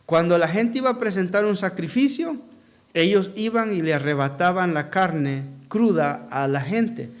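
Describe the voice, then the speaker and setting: A man preaching as pastor in a church hall, asking the congregation questions and acting out quotes in a sermon. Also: on the high side.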